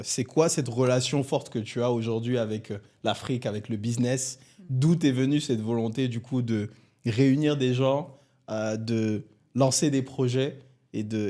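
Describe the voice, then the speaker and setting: A man hosting a podcast, relaxed and casual, often repeating his words. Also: mid-range voice. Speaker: podcast host.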